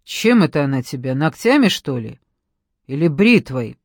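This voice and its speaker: A man reading an audiobook, voicing a cold, mocking female interrogator who speaks calmly and sneers. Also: on the high side, moderate pace, creaky, no echo, exaggerated voice. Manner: calm, sneering, dry laugh.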